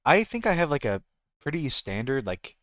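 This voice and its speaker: An American game streamer rambles and jokes in casual livestream chat, often correcting himself partway through a thought. His medium-pitched voice is sing-song and a bit bright at a normal speed, recorded clean in a studio with no room sound.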